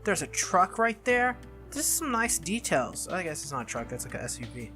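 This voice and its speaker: A game playthrough host reads a visual novel aloud expressively, adding casual reactions. The voice is medium-pitched and a little fast, with game music in the background.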